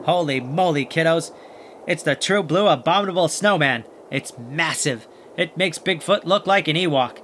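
A man's voice: fairly high pitch, normal speed, background noise, close to an everyday voice. A man playing a plucky, kindhearted, wisecracking monster hunter who narrates and acts in a children's audio adventure with folksy exclamations. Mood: awed, nervous. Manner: folksy exclamations, animated chatter to sidekick.

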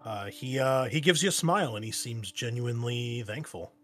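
A man acting as game master, describing the scene and reading battle narration aloud at a measured, steady pace. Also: mid-range voice. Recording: music playing underneath.

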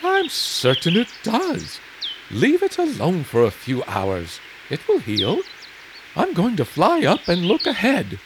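A man's voice: high voice, wildly swooping pitch, slow, background noise, heavily acted. A man voicing a proud, prickly talking owl in an audio drama, haughty and scornful. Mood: brisk, dismissive. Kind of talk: dramatic audio fiction acting. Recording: clear birdsong and outdoor ambience behind. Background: birdsong, outdoor ambience.

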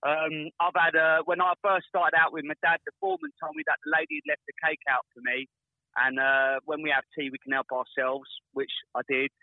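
A man, a builder calling in to a radio show, telling awkward stories with animated, acted-out quotes. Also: on the high side, a little fast, no echo. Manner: animated storyteller, acts out quotes, stumbles on words. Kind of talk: casual anecdote telling. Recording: tinny phone line.

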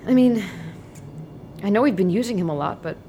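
A woman's voice: mid-range voice, expressive, brisk, natural voice. A woman talking in a casual, direct way. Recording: loud background noise.

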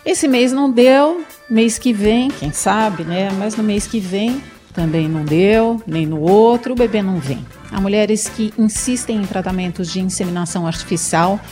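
A Brazilian woman hosting a radio talk show, introducing the topic and guests in a measured way. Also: medium pitch, dark tone, faint music behind. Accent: Brazilian Portuguese.

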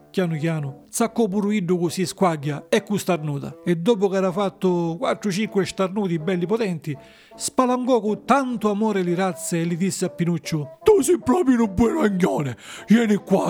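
Gravelly high-voiced male storyteller. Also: a little mellow. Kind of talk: dialect storybook narration.

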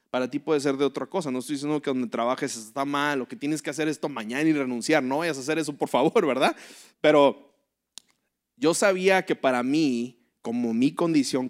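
A man preaching a sermon in a relaxed, conversational way, mixing personal testimony with jokes and often asking his listeners for agreement. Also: medium pitch. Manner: conversational, humorous, asks "¿verdad?" often.

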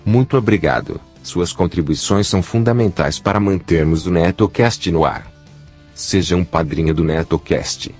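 Deep synthetic Brazilian male newsreader, husky. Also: normal speed, darkish tone, faint music behind. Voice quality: old-style speech synthesizer voice, synthetic. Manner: mechanical, evenly read announcements. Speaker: podcast news bulletin announcer. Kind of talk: scripted news narration.

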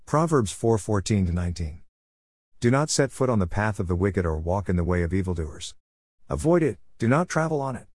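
A man reading Bible passages aloud in a measured, steady cadence as a daily scripture reader. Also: on the low side, dry recording.

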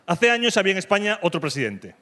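Fast, lively Spanish comedian. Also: male voice, high-pitched, very noisy. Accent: Spain Spanish. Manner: provocative dark humor, swinging from mock-calm to loud. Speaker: stand-up comedian. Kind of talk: stand-up comedy.

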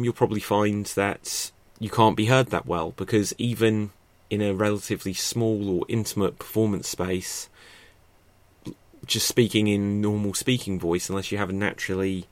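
Guy talking into a podcast mic, low voice, dry sound, thinks out loud. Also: dry recording. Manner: chatty, thinks aloud with fillers and restarts. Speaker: podcast host teaching improv. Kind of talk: unscripted instructional talk. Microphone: podcast microphone.

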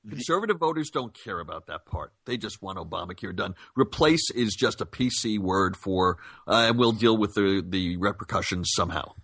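A man's voice: on the low side, expressive, normal speed, hardly any pauses, a bit bright, slightly rough, no echo. A man on a podcast, teasing and contrarian in casual political chat.

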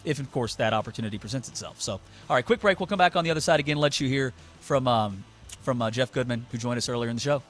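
A man hosting sports talk radio, giving animated opinions with lots of restarts. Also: mid-range voice, fast, soft background music. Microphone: studio mic.

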